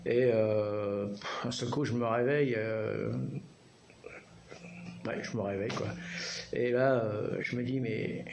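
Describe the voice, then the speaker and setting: A tired man, worn out after surgery and anesthesia, chatting casually to camera in a rambling, halting way and repeating himself. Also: on the low side, steady tone, a little mellow. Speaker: vlogger. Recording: echoey room, clear background noise.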